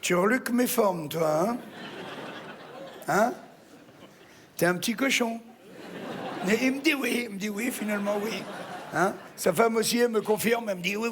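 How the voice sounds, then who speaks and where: A crude, brassy woman in her sixties, as a male comedian puts her on, teases and swears at the crowd on a theatre stage. The voice sits very high, and she drawls slowly through every line. A faint live audience murmurs behind her. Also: background noise. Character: brash vulgar woman in her sixties, opening act. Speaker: stand-up comedian. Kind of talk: live stand-up character act.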